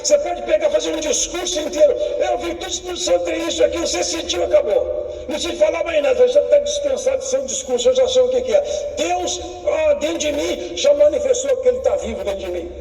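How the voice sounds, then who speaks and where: A man with a Brazilian Portuguese accent preaching a fervent sermon with personal testimony, swinging from loud exclamations to quiet asides. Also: very high-pitched, quick pace, faint music behind. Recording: echoey hall from far off.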